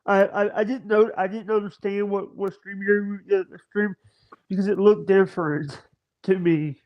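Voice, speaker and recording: A man in his thirties with a high voice, talking in halting, stammering bursts full of restarts. He chats casually over a video call, and the stream audio sounds dull and lo-fi. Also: steady tone. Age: 30s. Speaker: livestream guest. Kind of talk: casual chat.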